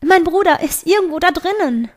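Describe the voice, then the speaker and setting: A woman's voice: very high voice, animated, a little fast, pitched above the performer's own voice. A woman voicing a desperate teenage girl who pleads urgently in a raised voice. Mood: pleading, urgent.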